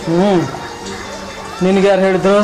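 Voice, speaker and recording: A man's voice: sits high, flat delivery, normal speed, over music, a crowd in the background, natural voice, rough recording. An actor playing a worried family man who cannot pay his rent, speaking wearily. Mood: weary. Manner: weary, despairing. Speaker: husband.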